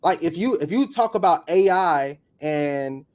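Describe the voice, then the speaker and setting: A man with a fairly high-pitched voice talks casually as a guest coach. He speeds up and gets animated when an idea excites him. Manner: energetic, fast bursts of enthusiasm. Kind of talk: casual interview talk.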